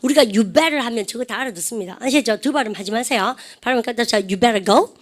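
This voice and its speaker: Middle-aged woman teacher, kinda high voice, runs english drills and keeps getting the class to say it back. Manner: coaxing, calls students to repeat phrases; switches between dialect-tinged Korean asides and slow English drills. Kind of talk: lively classroom-style lecture.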